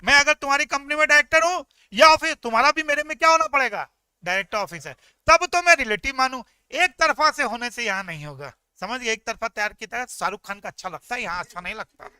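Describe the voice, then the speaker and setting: A male tax teacher giving an energetic, joking classroom lecture, talking straight to his students. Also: very high-pitched, fast talker, clean tone, no echo.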